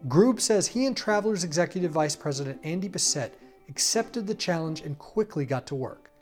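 A man's voice: on the high side, animated, fairly quick, a little mellow, soft background music. Man reading a news feature. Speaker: reporter. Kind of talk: scripted news narration.

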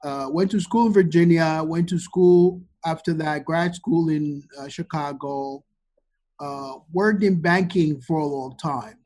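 A man's voice: a little high, a little slow, a little mellow. A man, the guest on a podcast interview, telling his story at length with frequent ums and uhs. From Ghana. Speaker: guest, wine expert.

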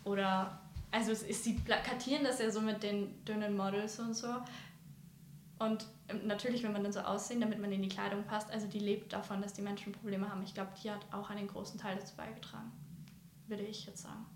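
A woman's voice: mid-range voice, little pitch movement, brisk, roomy sound, a little hiss or hum. A woman speaking candidly and hesitantly about her own experience, often searching for words. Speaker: guest sharing a personal recovery story. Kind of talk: candid personal conversation.

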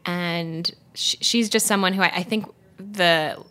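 Chicago woman in her 30s, casual and chatty, talks fast with lots of ums, lowish voice. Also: steady tone, fairly bright tone. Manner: quick, chatty, lots of fillers. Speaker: guest, social media consultant. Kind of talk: casual interview chat.

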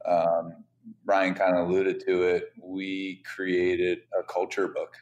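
Man, very low voice, chef, casual interview, eager, frequent restarts. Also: monotone, takes it slowly, a little mellow, muffled recording.

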